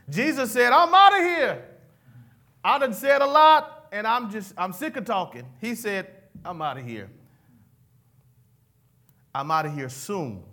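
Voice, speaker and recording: A pastor preaches a sermon, drawing his congregation into call-and-response and dropping folksy asides between lines. His high, bright voice swings widely in pitch, and he speaks unhurriedly with frequent pauses.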